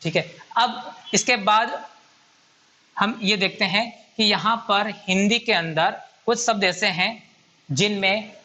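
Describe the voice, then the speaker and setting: A man's voice: high-pitched, bright, forceful tone. A man teaching a grammar lesson at a whiteboard, patiently repeating and counting items aloud.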